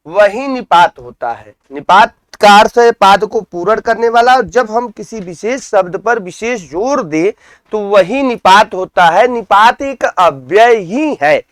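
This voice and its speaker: A man's voice: high voice, dry recording. A man teaching an exam-prep grammar lesson, repeating key terms and asking his students questions that he answers himself.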